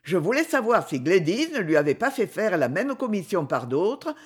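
A reader narrating a classic French story in an expressive, measured way. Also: mid-range voice, breathy edge. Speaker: audiobook reader. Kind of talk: literary narration.

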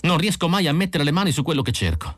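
A man's voice: a little high, big pitch swings, fast, no echo, voice pushed up. A man reading an audiobook, voicing a young female android who sounds tense and pleading, in a raised voice. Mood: agitated. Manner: anxious, breathless pleading.

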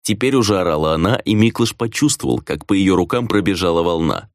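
A man narrating an audiobook in a steady storytelling read. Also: low-pitched, brisk, dry recording, clean studio sound. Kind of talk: scripted narration.

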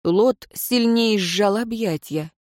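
An audiobook narrator reading fantasy prose in an even, measured way. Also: mid-range voice, dry recording, studio quality.

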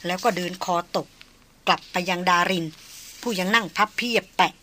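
A woman reading a novel aloud in steady, measured narration. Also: lowish voice, a little hiss or hum. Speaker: audiobook narrator.

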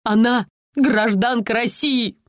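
A woman voices an anxious, pampered middle-aged mother, pleading shrilly in an indignant mood. Her animated voice is on the high side, pitched above her own but close to an everyday voice, at normal speed, with a dry, studio-quality recording.

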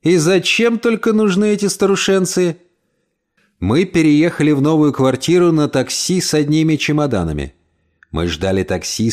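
Man reading a novel aloud, calm, measured, slightly high voice. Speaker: audiobook reader. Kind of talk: scripted narration.

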